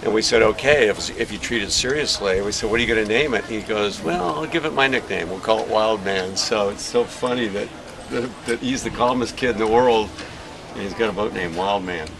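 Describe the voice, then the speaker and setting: A man's voice: fairly low pitch, fairly quick. A middle-aged man and sailing father chatting in a casual outdoor interview, telling stories with plenty of fillers. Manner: chatty storytelling with many fillers. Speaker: sailor and father of a young racer. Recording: noisy outdoor recording.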